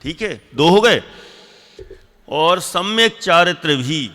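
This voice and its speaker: A man teaching a religious class, slowly repeating definitions and quizzing and scolding his pupils. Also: fairly high pitch, expressive, sharp tone, big-room sound. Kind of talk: classroom lesson with questions to students.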